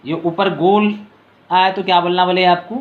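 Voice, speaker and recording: A man teaching letter reading step by step. He calls out each letter name in a long, drawn-out tone, then explains quietly in a lower voice. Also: fairly even intonation, phone-quality sound. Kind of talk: patient step-by-step reading lesson.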